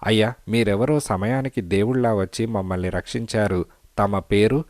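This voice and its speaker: A man's voice: on the low side, fairly even intonation, normal speed, a little mellow, no room sound, studio quality, natural voice. A man voicing a fearful, humble old cart driver in a cartoon storybook. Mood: grateful. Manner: pleading and fearful. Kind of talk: storybook character voice.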